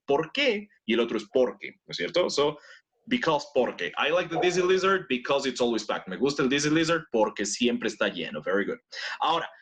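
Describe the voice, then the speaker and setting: A man teaching an online English class, his voice rising and falling in a lively way. He explains words in with English examples and keeps asking whether the students follow. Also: mid-range voice. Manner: explains in Spanish and English, checks in with "¿no es cierto?".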